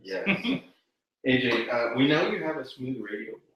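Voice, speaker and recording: A man's voice: medium pitch, animated, normal speed, creaky, dull audio. A man hosting a podcast, chatting casually and easygoing. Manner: easygoing, laughs readily. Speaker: podcast host. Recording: echoey room, distant mic, faint noise.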